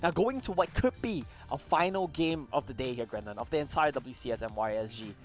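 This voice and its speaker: A man's voice: medium pitch, animated, fairly quick, faint music behind. A man commentating on an esports desk with bantering analysis, playful and sardonic, saying his "th" sounds as "t". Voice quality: speech quirk, "th" sounds said as "t".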